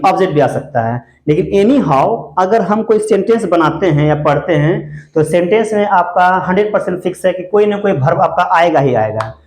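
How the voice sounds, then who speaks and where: A man teaching a grammar class, often posing questions to the students and answering them himself, and saying words slowly and repeating them. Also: high voice, darkish tone. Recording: echoey room.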